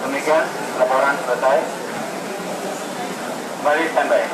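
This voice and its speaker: A man's voice: mid-range voice, fairly even intonation, moderate pace. Distant man reporting over two-way radio. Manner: formal, deferential radio reporting. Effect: heard over a two-way radio. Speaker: scout volunteer reporting from the field. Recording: distant, echoey, noisy radio transmission.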